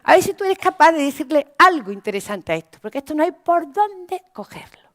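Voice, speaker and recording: Bossy, mocking female schoolteacher, high and swooping, voiced by a woman lecturer. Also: very animated, fairly quick, dry recording, studio quality. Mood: scornful. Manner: bossy, mocking, calling out loudly. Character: brusque scornful female schoolteacher.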